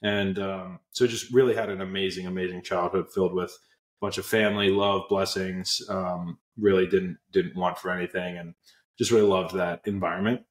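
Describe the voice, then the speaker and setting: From a small, echoey room indoors, a young man from Pennsylvania, USA, speaks as a guest on a video call through an earbud headset. The app co-founder's voice is low-pitched with fairly even intonation at normal speed, and he tells his story earnestly and casually, full of fillers and restarts.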